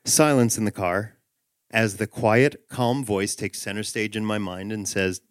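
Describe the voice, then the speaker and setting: Animated, self-mocking male storyteller. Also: lowish voice, a little slow, no room sound, studio quality. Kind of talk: live comedic storytelling.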